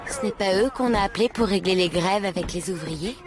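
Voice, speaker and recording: A woman playing a polite, inquisitive young companion in a video game, earnest and courteous, with loud noise around her. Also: mid-range voice, a little fast, over music, natural voice. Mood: curious, questioning. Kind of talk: video game acting, French dub.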